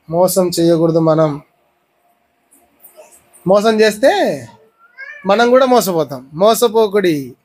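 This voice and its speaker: Man, high voice, Rayalaseema Telugu accent, pastor, sermon, repeated questions to listeners. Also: darkish tone, low-quality recording. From India. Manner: repeated questions to the congregation, teaching with everyday examples.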